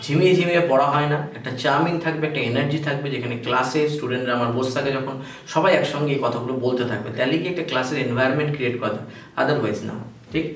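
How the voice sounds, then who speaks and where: A man with a Bengali accent teaching a vocabulary lesson. He reads definitions slowly and keeps quizzing his students. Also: a little high, far from the mic. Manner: reads English definitions slowly, then explains briskly and quizzes. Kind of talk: exam-prep vocabulary lesson. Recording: echoey room, voice off-mic, faint hiss.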